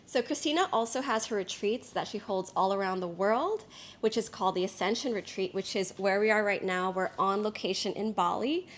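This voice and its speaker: A woman's voice: mid-range voice, brisk. A woman hosting a podcast, introducing a guest and asking questions in an upbeat, chatty way. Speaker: podcast host. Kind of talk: casual interview chat.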